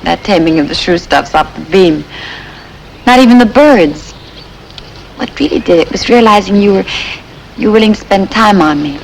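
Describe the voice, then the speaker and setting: Casting: spoiled young heiress in a film drama, creaky mid-pitched voice, earnest, confiding, faint noise. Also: female voice, expressive, moderate pace, pauses often, poor audio. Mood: wistful, confiding. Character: spoiled young heiress, wistful and newly humbled. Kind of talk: film dialogue acting.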